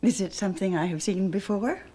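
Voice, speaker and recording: An actress playing a sarcastic, sharp-tongued middle-aged wife with a breathy voice, in daytime soap acting. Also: female voice, mid-range voice, a little fast, lightly acted. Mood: wry. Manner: sarcastic, dry.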